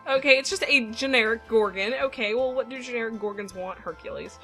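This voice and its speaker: Woman, higher voice, playful let's play chat, reads prompts aloud. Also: brisk, pushed and bright, soft background music. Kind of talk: casual gameplay chat.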